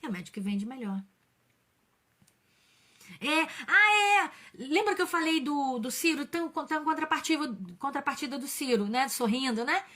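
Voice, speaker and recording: A Brazilian woman with a high-pitched voice hosts her channel in a loose, conversational explainer style. She speaks bluntly and casually to her viewers, slipping in slang and the odd swear word. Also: lively intonation, moderate pace, sharp tone. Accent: Brazilian Portuguese. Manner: chatty, blunt, mixes slang and mild swearing. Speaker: channel host.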